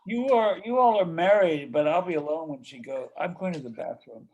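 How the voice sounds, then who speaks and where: An actor playing a reluctant, grumbling bachelor at a poker game in a stage play. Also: male voice, a little high, normal speed, lightly acted. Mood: glum, worried. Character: reluctant, anxious bachelor poker player devoted to mother. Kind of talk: stage play acting over a remote reading. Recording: muffled, faintly noisy home recording.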